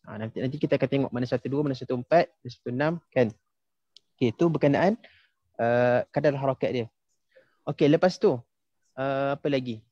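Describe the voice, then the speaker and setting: A man's voice: medium pitch, fairly quick, long pauses, warm tone, no echo. Man, young, patient teacher, quizzes students, dull lo-fi call sound. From Malaysia. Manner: patient, quizzes students, many fillers like ha and okey. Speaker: tajwid teacher. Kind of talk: casual online class instruction.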